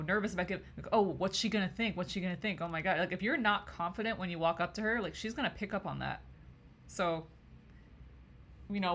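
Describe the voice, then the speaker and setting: A woman's voice: on the low side, a bit bright, a little hiss or hum. A woman in her thirties giving easygoing life advice to viewers while she animates on a live stream, reading their comments aloud. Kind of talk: casual livestream chat answering viewers.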